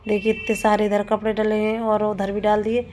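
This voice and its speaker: A woman's voice: mid-range voice, completely flat delivery, fairly quick, darkish tone, a little hiss or hum. A woman in her thirties with a sore throat, chatting casually through a home vlog and often correcting herself as she goes about chores. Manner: chatty, rambling, self-correcting. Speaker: vlogger. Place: home kitchen and rooftop.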